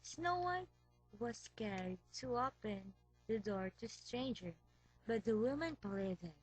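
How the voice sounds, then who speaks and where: A woman reading a fairy tale aloud as storyteller, slow and careful. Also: on the high side, expressive, soft background music, poor audio.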